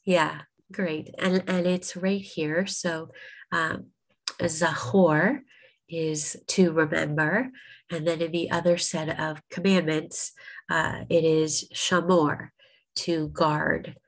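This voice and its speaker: Woman teaching a class on a video call, low gravelly voice, sniffly w a cold, lots of ums. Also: fairly even intonation, poor audio. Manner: unhurried, many ums and restarts. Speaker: rabbi leading a class.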